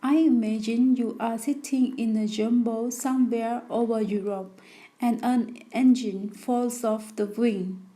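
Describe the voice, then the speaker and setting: Woman audiobook narrator, slightly high, soft dark timbre, unhurried self-help read. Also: fairly even intonation. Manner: slow, careful reading with small restarts.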